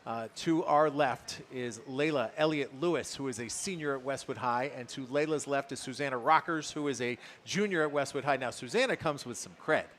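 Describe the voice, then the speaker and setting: A man's voice: mid-range voice, a little fast, few pauses, fairly bright tone. A man hosting a local sports talk show in a TV studio, chatting and asking questions with enthusiasm. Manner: enthusiastic, conversational interviewer. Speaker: host.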